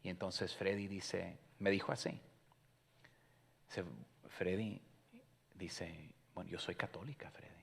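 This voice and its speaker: A man preaching a sermon as pastor, moving between hushed storytelling and loud, emphatic exhortation, with English fillers dropped in. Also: low-pitched, fairly even intonation, slow, gravelly, long pauses, husky. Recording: long hall reverb.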